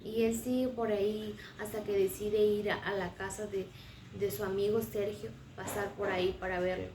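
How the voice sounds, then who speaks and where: A woman teacher retelling a story for children in simple, slow words with small restarts. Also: medium pitch, flat delivery, background noise. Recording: roomy and distant.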